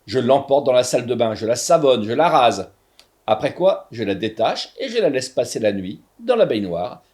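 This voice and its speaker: A man narrating a story in an animated, theatrical reading. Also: medium pitch.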